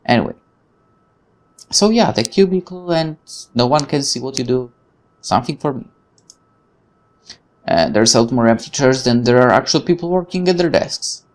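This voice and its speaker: A man hosts a let's play, reading a visual novel's text aloud and adding rambling, casual asides, sometimes stumbling over words. His voice is mid-range with lively intonation, a normal speed, and long pauses.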